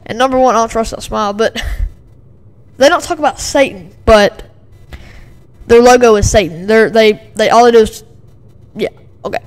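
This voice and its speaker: Reacting to a video from her home, with a dog and a TV in the background, a woman rambles in an agitated, casual way, full of fillers and repetition. She speaks at a moderate pace in a slightly high voice.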